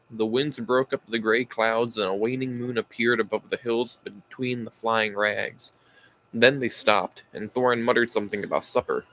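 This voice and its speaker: A tired man reading a novel aloud at a mid pitch, in a casual amateur audiobook style. He sighs often, trips over words and goes back to fix them. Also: fairly bright tone, rough recording. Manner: sighing, stumbling over words and correcting himself.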